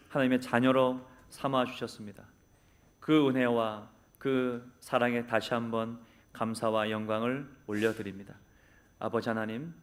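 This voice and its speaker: A male pastor speaks from the pulpit of a church, closing his sermon with earnest, measured exhortation. His mid-range voice slips into brief filler pauses as he moves into a slow, pleading prayer. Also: medium pitch. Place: church sanctuary.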